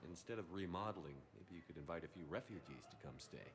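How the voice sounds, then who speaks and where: A man playing a steady military commander in a video game, with a dry, politely sardonic manner. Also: sits low, fast talker. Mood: dryly sardonic. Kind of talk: video game character dialogue.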